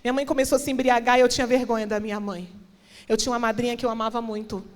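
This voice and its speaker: A woman's voice: fairly high pitch, fairly even intonation, very fast. A woman minister preaching a sermon and giving an impassioned personal testimony, building to emphatic declarations. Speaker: guest minister. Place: church hall. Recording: long church reverb.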